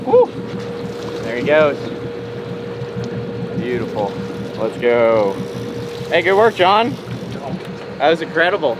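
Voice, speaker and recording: Out on a boat at sea, a man hosts a fishing show, talking casually and enthusiastically to the camera with lots of exclamations. His voice is mid-range, his pace slow, and he pauses often. Wind and motor make the outdoor recording very noisy.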